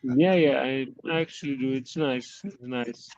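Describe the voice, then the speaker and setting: A man's voice: mid-range voice, measured pace, darkish tone, no room sound. Friendly Dutch-raised man on a dull, dry call. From Netherlands. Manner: friendly, patient, rattles off boxing stats. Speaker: guest caller. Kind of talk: casual call-in chat.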